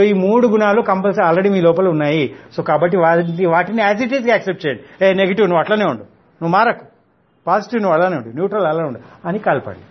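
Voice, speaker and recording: Spiritual teacher, male, high voice, fiery rhetorical scolding, dull lo-fi recording. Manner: scolding, rhetorical questions, mixes in English words. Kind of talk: spiritual discourse to an audience.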